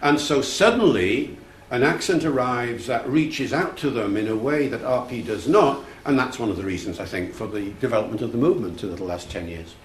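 A festival speaker on language addresses an audience in a room, explaining ideas and telling anecdotes with occasional fillers. His mid-range voice moves at normal speed, and the recording is reverberant with slight background noise.

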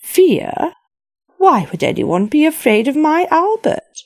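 A woman's voice: fairly high pitch, big pitch swings, measured pace, a little mellow, no echo, clean studio sound, voice pushed up. A woman voicing an imperious elderly widowed queen who speaks formally and with disdain.

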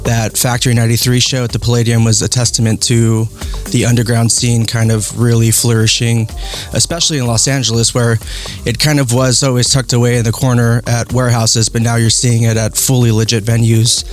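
A man with an average-pitched voice talks on a podcast. He sounds articulate and analytical in casual discussion, with faint music behind. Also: level tone, fairly quick. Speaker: podcast team member.

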